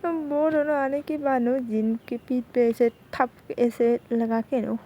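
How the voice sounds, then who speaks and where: A woman's voice: fairly high pitch, level tone, measured pace, warm tone, lo-fi sound. A young woman narrating a college love story casually, in a chatty, loose retelling style.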